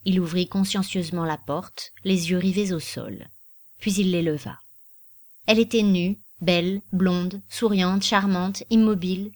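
A woman narrating a literary novel as an audiobook in a measured, expressive reading. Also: lowish voice.

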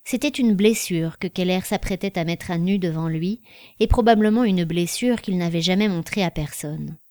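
Woman narrator, audiobook reading, even literary delivery, dry close sound. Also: on the low side, moderate pace, no room sound.

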